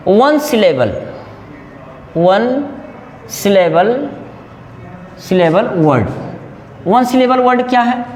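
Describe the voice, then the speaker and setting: A man teaching basic English grammar in a casual lesson, repeating words and drawing out their sounds, a little nervous. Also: sits high. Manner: slow, repeats and spells out sounds. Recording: echoey room with long reverb.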